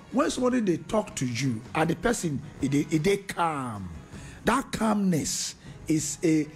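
This man has a high voice with a darkish tone. He's a radio panelist chatting casually in Pidgin about relationships, laughing a lot and restarting his sentences.

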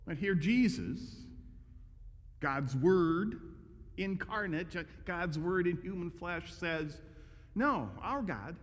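A man's voice: sits high, expressive, takes it slowly. A male pastor preaching a conversational, emphatic sermon with frequent restarts. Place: church sanctuary. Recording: echoey church hall.

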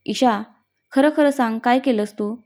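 A woman's voice: fairly high pitch, unhurried, darkish tone. A woman voicing a fond, bossy young bride. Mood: suspicious. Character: newly married young woman, warm and bossy with friends.

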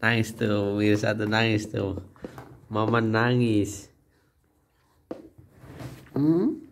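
A man's voice: fairly low pitch, slow, slight background noise. A man, teasing and playfully coaxing his family while filming a casual home video on a handheld phone.

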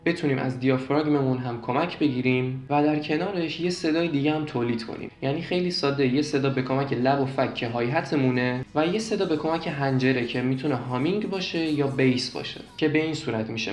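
Man teaching beatbox, echoey room. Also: medium pitch. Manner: patient, repeats each step with demonstrations. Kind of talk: step-by-step tutorial explanation.

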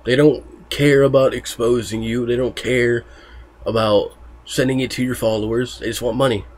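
A man's voice: mid-range voice, fairly even intonation, normal speed. A man talking casually to his viewers, loose and profane, with lots of fillers. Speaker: YouTuber warning about online scams. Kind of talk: casual talk to camera.

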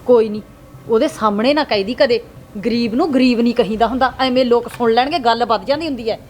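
A woman playing a mother who pleads with her angry son to calm down. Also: on the high side, fast talker, slight background noise, natural voice. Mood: pleading. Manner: pleading, calming. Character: soothing mother, anxious to keep peace. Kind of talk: web series drama acting.

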